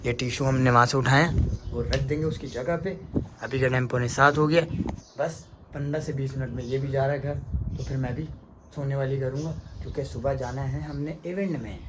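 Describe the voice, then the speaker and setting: A man's voice: mid-range voice, steady tone, brisk, noisy background. A young man, chatting casually to camera as a family vlogger, playful and talking to viewers like friends. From Pakistan. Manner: chatty, playful, addresses viewers as guys and brother. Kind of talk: casual vlog narration to camera.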